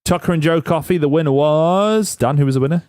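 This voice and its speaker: A man's voice: on the high side, fairly quick, a little mellow, no echo, studio quality. A man hosting a casual wrestling podcast, joking around and quizzing his co-hosts. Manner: banters and quizzes co-hosts, jokey. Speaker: podcast host.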